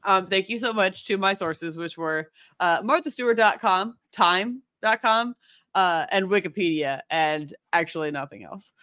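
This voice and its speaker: A woman's voice: mid-range voice, a little slow, sharp tone, dry recording. A woman co-hosting a podcast, rambling and giggly as she presents her research in casual chat. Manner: giggly, rambling, self-deprecating.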